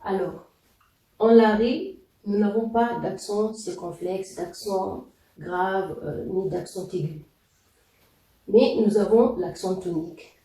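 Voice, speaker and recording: A man teaching a language lesson, explaining slowly and deliberately with pauses and fillers. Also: sits high, mellow, far from the mic. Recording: echoey room, voice off-mic.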